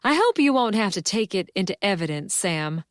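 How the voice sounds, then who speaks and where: Woman narrator as a brisk, take-charge library boss. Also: medium pitch, big pitch swings, no echo, studio quality, natural voice. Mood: concerned. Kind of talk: cozy mystery audiobook character voice.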